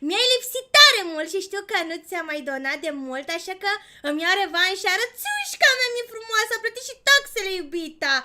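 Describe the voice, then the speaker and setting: A woman live-streaming in casual chat with her viewers, excitable, swinging between loud outbursts and quiet murmurs and gushing thanks to donors. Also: very high-pitched, few pauses.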